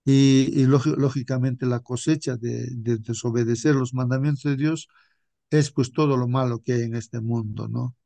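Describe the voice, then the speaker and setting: Gravelly man leading Bible study. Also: medium pitch, steady tone, moderate pace, mellow, no echo. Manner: rhetorical, repeats 'hermanos' and '¿no?'. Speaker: study group leader. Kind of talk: informal Bible study preaching.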